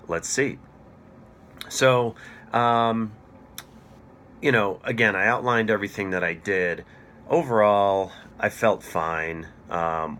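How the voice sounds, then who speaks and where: A middle-aged man who hosts a cycling coaching channel, talking through his experiment in a hoarse, froggy voice from a chest cold. He explains at an even clip and checks his notes as he goes. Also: sits low, a little hiss or hum. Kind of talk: casual explanatory video talk.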